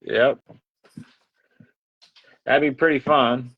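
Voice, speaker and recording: A man's voice: medium pitch, fairly even intonation, extremely slow, slightly rough. A man chatting casually on a livestream as its host, telling everyday stories in a talkative way. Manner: chatty storyteller, acts out others' remarks. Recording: dull lo-fi audio.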